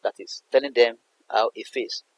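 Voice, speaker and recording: A Nigerian man with a steady, medium-pitched voice analyzes a poem as a literature teacher, speaking at normal speed. He restates and rephrases his points, and the recording is dry and of poor quality.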